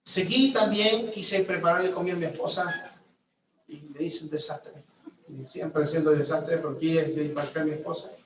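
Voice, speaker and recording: A male pastor from Venezuela giving a sermon testimony, telling his story with sudden loud outbursts and hushed asides. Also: fairly high pitch, level tone, brisk, slight background noise. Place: church hall. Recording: distant echoey church room, dull sound.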